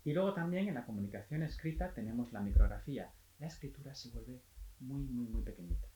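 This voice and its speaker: A man gives a health talk as a physiotherapist, explaining things calmly and patiently. His voice is warm and mellow, and it sounds roomy and echoey in the space where he is recorded. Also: medium pitch, a little fast. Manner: explanatory, calm, with small restarts.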